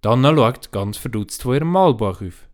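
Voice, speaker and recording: A man reading a children's story aloud in an expressive storybook lilt. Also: mid-range voice, brisk.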